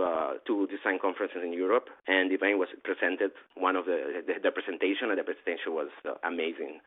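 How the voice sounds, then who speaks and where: Venezuelan-accented male event organizer, low voice, rambling and animated, phone-thin sound. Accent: Venezuelan Spanish. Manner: rambling, animated, frequent restarts and laughs. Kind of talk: casual interview chat. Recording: tinny phone-like line.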